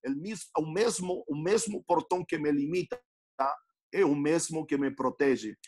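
Middle-aged preacher. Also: male voice, fairly high pitch, measured pace, darkish tone. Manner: teaching, frequent tag questions to the listener. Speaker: pastor. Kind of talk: sermon.

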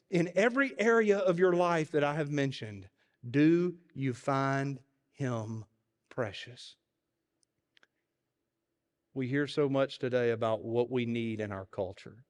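A man's voice: mid-range voice, smooth. Man preaching a sermon in a reverberant hall. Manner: dramatic storytelling that swells from hushed to loud. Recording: long reverb of a large hall.

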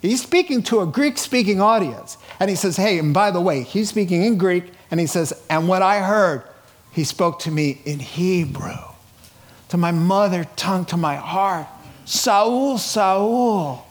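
In a high, animated voice that runs a little slow, a middle-aged preacher gives an informal, conversational sermon. He reads scripture, then retells it in colloquial, dramatized asides, telling stories with energy and acting out the dialogue.

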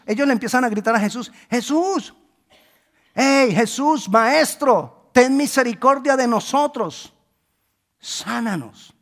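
Guy preaching a sermon, pretty high voice, gets quiet then loud, acts out the people in his stories. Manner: swings between hushed pleading and loud emphatic preaching; acts out quoted voices in storytelling. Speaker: pastor.

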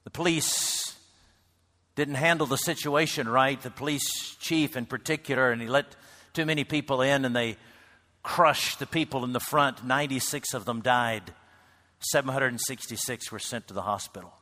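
A man preaching a sermon to a congregation, swinging between loud calls and near-whispered lines. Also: mid-range voice, normal speed. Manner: builds to loud shouts, then drops to a hush. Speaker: pastor. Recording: reverberant hall.

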